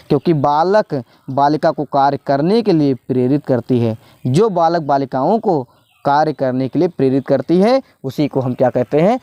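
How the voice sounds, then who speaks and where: A man's voice: mid-range voice, mellow, dry recording. A male teacher gives a spoken exam-prep lesson, repeating points and asking and answering his own questions. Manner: repetitive, asks and answers own questions, says "bhaiya".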